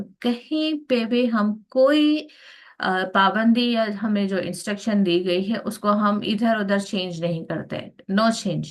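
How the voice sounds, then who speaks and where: A woman teaching a Quran lesson, explaining step by step and slipping English words into her speech. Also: medium pitch. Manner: explains step by step with many fillers.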